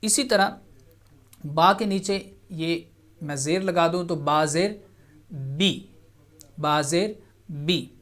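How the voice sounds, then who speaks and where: A man hosting a televised Quran reading lesson, who explains patiently, repeats each point and draws out the sounds slowly. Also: fairly high pitch, a bit bright. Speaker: Quran teacher and TV host.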